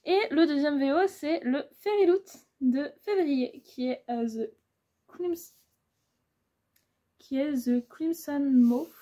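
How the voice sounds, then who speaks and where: Chatty young woman with a mellow high voice. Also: slow pace. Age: 20s. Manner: chatty, rambling with many fillers. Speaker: booktuber. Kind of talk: casual book haul chat.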